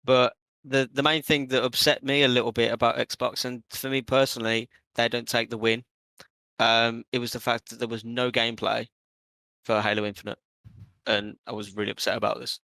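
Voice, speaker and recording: A lively man with a Brummie accent, talking animatedly in a casual gaming chat. His voice is forceful and bright, and it sounds close and dry. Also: mid-range voice, fairly quick, gravelly, dry recording. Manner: animated, gestures while talking. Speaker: podcast panelist.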